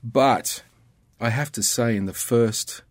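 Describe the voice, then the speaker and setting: A man's voice: medium pitch, slow pace, no room sound, studio quality. A middle-aged Australian man with an Australian accent, talking earnestly and reflectively as a podcast guest. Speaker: guest, ministry worker. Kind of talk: casual conversation.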